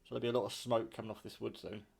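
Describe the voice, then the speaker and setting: A British vlogger rattles off a rapid-fire, unscripted demo of his homemade radio in his kitchen, rambling informally and swearing mildly. His fairly low voice is gravelly and husky, with little variation in pitch.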